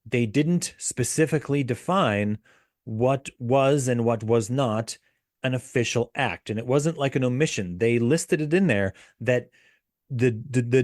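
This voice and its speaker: A man's voice: mid-range voice, a little mellow, no room sound, studio quality. A man co-hosting a political podcast, explaining things patiently with frequent fillers and restarts. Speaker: podcast co-host. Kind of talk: casual political chat.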